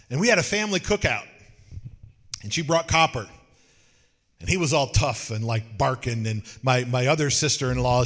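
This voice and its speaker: Folksy man preaching in a reverberant hall. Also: mid-range voice. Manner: folksy, joking, animated storytelling. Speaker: pastor. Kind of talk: sermon.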